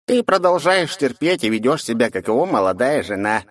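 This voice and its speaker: A man's voice: medium pitch, big pitch swings, a little fast, dry recording, pitched above the performer's own voice. Audiobook figure: a knowing, lazy talking cat, read by a man. Dry sound. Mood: teasing. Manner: teasing, knowing.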